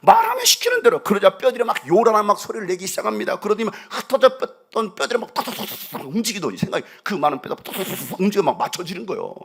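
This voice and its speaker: A man's voice: sits high, expressive, rapid-fire, vocal fry, hardly any pauses, slightly rough. A man preaching a sermon as pastor, acting out quoted lines and joking with the congregation. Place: church sanctuary.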